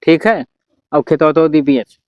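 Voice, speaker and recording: A man's voice: a little high, unhurried, dry recording, highs cut off, close to an everyday voice. A man playing an exasperated, hard-working village father who grumbles in an Awadhi accent in an amateur comedy sketch. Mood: worried, complaining. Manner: complaining, grumbling.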